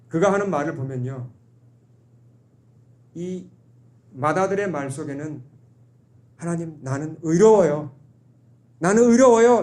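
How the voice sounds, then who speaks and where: A man's voice: fairly high pitch, a little mellow. A man, a pastor, preaching a sermon in a church, asking the congregation questions and acting out quoted voices.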